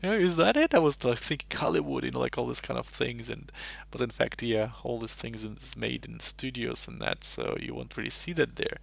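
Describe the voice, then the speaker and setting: A man with a Russian background chats on a live stream through a desk mic, his medium-pitched voice gravelly and thick with fry. He speaks at normal speed with hardly any pauses, musing in a loose, rambling way over chess puzzles.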